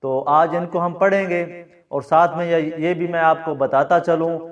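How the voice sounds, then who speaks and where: A man from Pakistan teaches Korean while standing at a board, explaining step by step and checking that his students keep up. His voice sits a little high for a man. He is recorded from across a classroom, so the sound is distant and muffled. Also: steady tone. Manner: explains patiently, often checks understanding. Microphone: camera mic from a distance. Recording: distant, dull camera audio.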